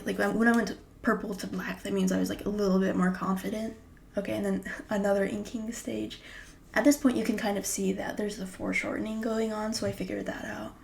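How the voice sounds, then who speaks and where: Casual woman half-whispering over her art. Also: medium pitch. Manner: chatty, often drops to a breathy half-whisper. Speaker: artist vlogger. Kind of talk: casual vlog commentary.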